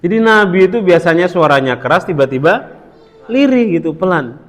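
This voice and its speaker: A man's voice: high voice, lively intonation, brisk. A man with a Javanese accent giving a religious study talk, telling a story with quotes and asking the audience questions. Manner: storytelling, switching between Indonesian and Javanese, quoting Arabic. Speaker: preacher. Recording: long hall reverb.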